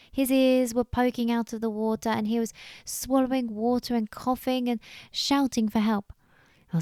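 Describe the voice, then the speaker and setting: Expressive British woman telling a children's story. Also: mid-range voice, no echo, clean studio sound. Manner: warm, expressive, chatty asides.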